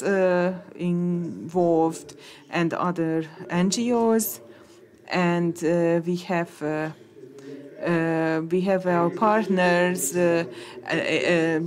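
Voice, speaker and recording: A woman interpreting conference talks into English, halting, with many hesitations and restarts. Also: lowish voice, darkish tone.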